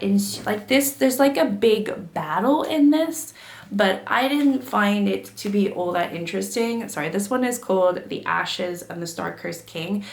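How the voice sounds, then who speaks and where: A woman who makes book videos on YouTube chats casually to the camera, her medium-pitched voice gravelly as she recovers from a cold. She uses lots of fillers and restarts, and the sound is reverberant.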